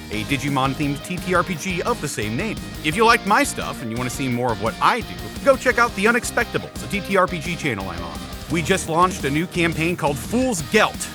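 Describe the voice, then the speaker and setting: A man giving a casual promotional outro as a voice actor, with music behind him. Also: on the high side. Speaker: voice actor plugging projects.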